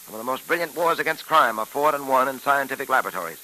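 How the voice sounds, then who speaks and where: A man playing a calm, clever police detective on an old radio show, explaining things patiently and with self-assurance. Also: medium pitch, fast, poor audio. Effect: old radio show broadcast. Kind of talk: 1940s radio acting.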